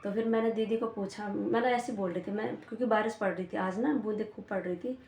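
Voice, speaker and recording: A woman's voice: medium pitch, fairly even intonation, quick pace, darkish tone. A young woman with a Pahadi Hindi accent, chatting casually as she retells a quarrel with a neighbour, full of "I said" asides. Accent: Uttarakhand Pahadi Hindi. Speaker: vlogger. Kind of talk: casual storytelling to camera. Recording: echoey room with faint background noise.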